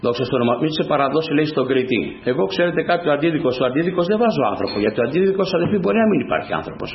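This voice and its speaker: A man's voice: fairly high pitch, expressive, a little hiss or hum. A man preaching a fervent sermon to his congregation, breaking up his points with repeated praise refrains. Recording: echoey room, dull lo-fi sound.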